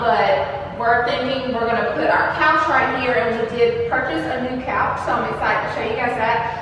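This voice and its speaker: A woman's voice: fairly high pitch, a bit bright, distant mic, a little hiss or hum. A woman hosting a casual tour of an empty apartment, chatty and upbeat with many fillers, her voice echoing around the bare rooms. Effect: big hall echo of an empty room. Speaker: vlog host. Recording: echoey empty room, voice from off-mic.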